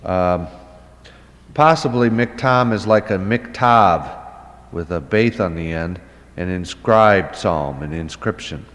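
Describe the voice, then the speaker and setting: Slow, deep-voiced man lecturing with fillers. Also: fairly bright tone, long reverb tail. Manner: thinking aloud with frequent fillers; explains terms by asking and answering questions. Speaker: Hebrew Bible teacher. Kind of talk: unscripted lecture.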